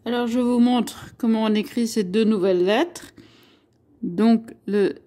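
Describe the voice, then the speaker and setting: Slow, patient woman teaching letters. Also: fairly high pitch, mellow. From France. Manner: slow, patient, spells out sounds. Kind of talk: Arabic alphabet lesson.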